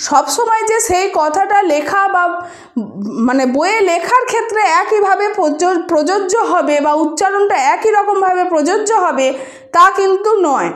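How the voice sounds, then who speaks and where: A woman's voice: very high-pitched, roomy sound. A woman teacher patiently explaining a grammar lesson to students, often asking them questions. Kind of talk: spoken Bengali grammar lesson.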